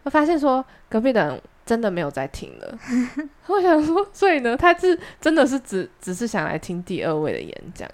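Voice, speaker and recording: A young woman with a Taiwanese Mandarin accent co-hosts a podcast, speaking briskly in a slightly high voice. In casual, chatty conversation, she tells a long, animated story and acts out the other people's lines.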